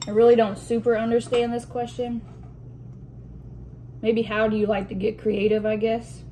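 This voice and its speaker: A woman's voice: a little high, little pitch movement, dark tone. Woman chatting casually over soup, noisy clatter. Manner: eating soup while talking, with pauses and throat clearing. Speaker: vlog host reading out questions. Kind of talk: casual mukbang chat. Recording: noticeable room noise with dish and cutlery clatter. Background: clinking cutlery and dishes.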